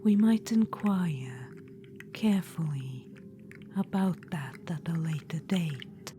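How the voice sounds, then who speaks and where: Over a noisy background, a woman with a low-sitting, expressive voice speaks slowly in a soft, unvoiced whisper. She's voicing an ancient undead witch-queen spirit for an ASMR audio roleplay, a schemer who sounds silky, coaxing and condescending and addresses the listener as darling.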